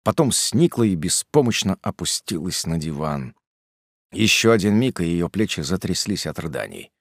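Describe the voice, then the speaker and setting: A man's voice: sits low, very animated, moderate pace, dry recording. Man reading an audiobook, dry sound. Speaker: narrator. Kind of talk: audiobook narration.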